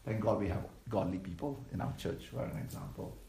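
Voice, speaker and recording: A man's voice: fairly low pitch, fast, creaky, mellow, reverberant, slight background noise. A man, preaching a sermon as pastor in a conversational way and putting questions to the congregation. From Malaysia. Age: 50s. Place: church.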